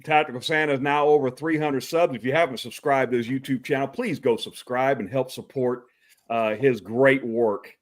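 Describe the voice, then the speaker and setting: Man, from Texas, livestream talk show host, casual friendly chat, frequent chuckles, middle pitch. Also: fairly even intonation, normal speed. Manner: friendly, calls people brother, chuckles often.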